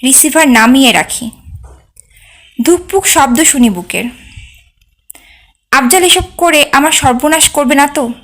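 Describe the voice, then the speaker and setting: A woman narrating an audiobook in a measured, unhurried literary reading. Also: sits high, lively intonation, a bit bright.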